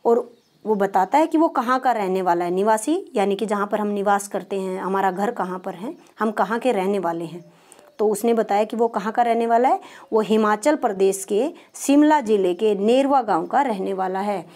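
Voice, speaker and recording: With a medium pitch, moderate pace, and slightly mellow sound, a woman gives a primary school lesson. Her style is patient and explanatory, and she answers the questions she puts forward.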